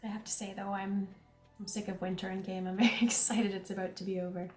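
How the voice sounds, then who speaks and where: A woman's voice: medium pitch, level tone, fast talker, echoey room, soft background music. A young woman from Canada with a central Canadian accent, chatting casually with her viewers while playing a farming game. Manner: chatty, reads chat aloud, giggly asides. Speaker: streamer. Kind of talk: casual gameplay chat.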